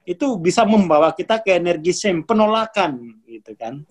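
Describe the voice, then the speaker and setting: A lecturer talks through spiritual ideas in a casual, conversational way, at a middling pitch. The speaker keeps repeating cautions and breaks into laughter between points. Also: very animated, moderate pace. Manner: repeats warnings, laughs often.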